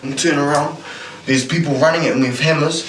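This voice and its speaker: A man's voice: fairly high pitch, fairly even intonation, a little fast, fairly bright tone, distant mic. A man with a broad New Zealand accent recounting events casually, in blunt, slangy, repetitive phrases. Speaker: man giving a statement to police. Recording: echoey room, off-mic, faint noise.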